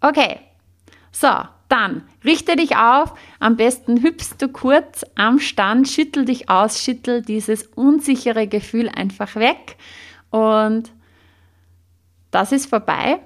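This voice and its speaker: A woman coach, leading a guided body-posture exercise with slow, calm questions. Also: on the high side.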